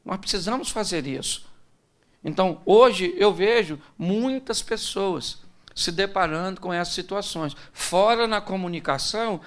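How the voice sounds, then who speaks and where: A man with a Brazilian Portuguese accent, a pastor giving a conversational, humorous sermon and speaking directly to his audience. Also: sits high. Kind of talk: sermon on relationships.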